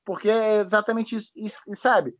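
Brazilian guy rambling on a podcast, kinda high voice, dull dry sound. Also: steady tone, fairly quick. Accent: Brazilian Portuguese. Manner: rambling, restarts a lot, swears casually. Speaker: podcast host. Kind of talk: casual chat.

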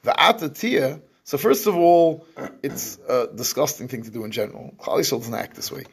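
A man lectures on scripture, teaching a class and explaining verses at length in English sprinkled with Hebrew terms, often restarting his phrases. His mid-range voice moves at a normal speed and sounds creaky and husky.

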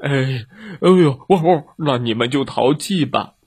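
A man's voice: mid-range voice, a little slow, darkish tone, slightly rough. A man voicing a stern male dog teacher who loses patience with his pupils. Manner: firm, sighing, exasperated.

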